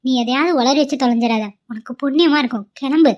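A woman's voice: sits high, fast, a little mellow, lightly acted. A woman voicing a stubborn, devoted young wife in a cartoon, pleading and insistent. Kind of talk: cartoon voice acting.

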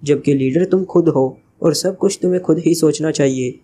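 A man's voice: fairly high pitch, moderate pace, warm tone, slight background noise, close to an everyday voice. A man reading the part of an irritated young woman who scolds her teammate. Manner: exasperated, scolding. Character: irritated young woman, sharp team member.

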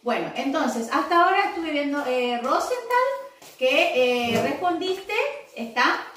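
A woman teacher with a high voice, giving a recorded English lesson to children. She explains each step patiently and keeps checking that everyone follows. She sounds far from the mic in a very echoey room. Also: animated, a little slow, a bit bright. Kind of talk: recorded online class for young pupils.

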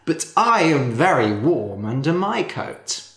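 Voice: mid-range voice, very animated, takes it slowly, a bit bright, full character voice. A storyteller voicing a sly, cheerful male trickster with a playful, boastful manner, in a roomy echo.

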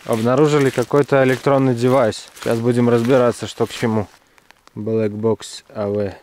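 A man's voice: medium pitch, little pitch movement, normal speed, a little mellow. Chatty man filming a road trip. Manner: chatty, wry remarks while driving and walking. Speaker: travel vlogger. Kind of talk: casual travel vlog commentary. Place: in a car and outdoors in a rainy forest. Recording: noisy outdoor and car recording.

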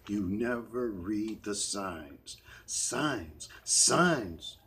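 A man's voice: lowish voice, lively intonation, slow, a bit bright. A man reading the lines of an upset young woman who accuses her partner of never listening, in pleading, exasperated outbursts.

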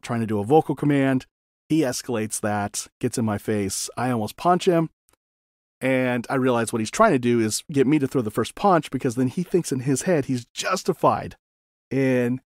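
A man of middle pitch hosts his own podcast and talks into a condenser mic. He tells a personal story in a loose, chatty way and keeps breaking off for side remarks. The sound is dry and close, with no room echo. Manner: rambling conversational storyteller with asides. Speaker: podcast host. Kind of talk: casual solo podcast storytelling. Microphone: condenser studio mic.

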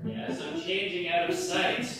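A man's voice: high voice, fairly even intonation, measured pace. A young man making casual, dryly joking asides in an echoey, sparsely furnished bedroom. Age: young adult. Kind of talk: casual off-camera chat. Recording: echoey bare room, music behind.

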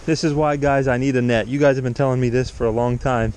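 A man's voice: medium pitch, fairly even intonation, fast, background noise. A man vlogging outdoors by a mountain stream, talking enthusiastically and exclaiming as he fishes, recorded on a chest-mounted camera. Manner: enthusiastic, exclaiming, laughing often. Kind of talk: excited outdoor vlog commentary. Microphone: chest-mounted action camera.

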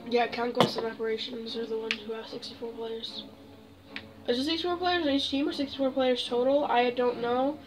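A woman's voice: fairly high pitch, fairly even intonation, brisk, far from the mic, over music, rough recording. A woman hosting a gaming video, chatting casually over her gameplay and muttering asides to herself. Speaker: gaming channel host.

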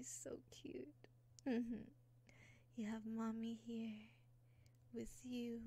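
A young woman doing an ASMR roleplay as a caring caretaker, whispering slowly and soothingly into a close mic, with frequent soft "mm-hmm" murmurs. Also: on the high side, gravelly. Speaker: ASMR creator. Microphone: close sensitive mic.

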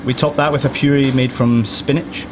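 A young man, a sous chef, calmly explaining a dish step by step as he plates it in a restaurant kitchen. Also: medium pitch, normal speed. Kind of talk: explaining a dish while plating. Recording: loud kitchen air-conditioning hum. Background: air conditioning hum.

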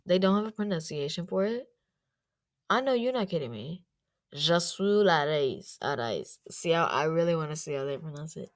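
A woman's voice: on the low side, a little fast. Chatty young woman vlogging. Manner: rambling and chatty, full of fillers. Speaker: YouTuber. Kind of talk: casual screen-recording vlog commentary.

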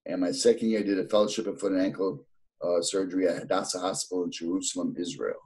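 Speaking fast in a low, steady, slightly mellow voice, a podiatrist in his fifties from New York City chats on a video call in an indoor office. He has a New York accent, and in this casual interview he rambles, restarts often, fills pauses, and laughs readily.

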